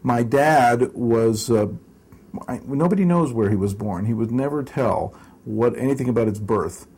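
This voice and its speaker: Here a Southern California-raised American in his sixties talks at normal speed in a medium-pitched, slightly mellow voice, with a little hiss or hum in the background. It is an oral history interview about his life, delivered haltingly with fillers and restarts and sprinkled with wry jokes at his own expense.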